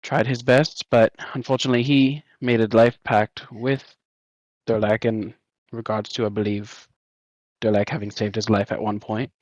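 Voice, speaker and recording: A man's voice: fairly low pitch, little pitch movement, moderate pace, no room sound, muffled recording. Playful man in tabletop role-play. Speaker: player.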